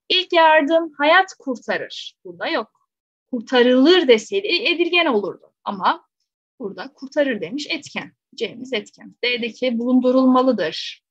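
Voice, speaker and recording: A woman's voice: fairly high pitch, no echo. A woman teacher working through exam questions step by step, often checking with rhetorical questions. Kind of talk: exam question walkthrough lesson. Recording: slightly dull, dry close recording.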